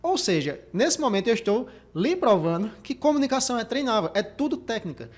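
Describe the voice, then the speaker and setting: A man from Brazil hosts a motivational career podcast. He talks quickly in a fairly high voice and hammers his points home by repeating them. He sometimes shows off changes of tone as he explains how to speak well. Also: big pitch swings. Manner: emphatic, repeats key points, demonstrates vocal techniques. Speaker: career coach and podcast host.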